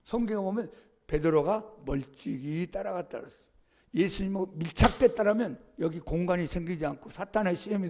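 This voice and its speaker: A man pastor giving a Sunday sermon, lively and emphatic, acting out the story and addressing the congregation directly. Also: on the high side. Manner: animated preaching, acts out scenes, blesses the congregation.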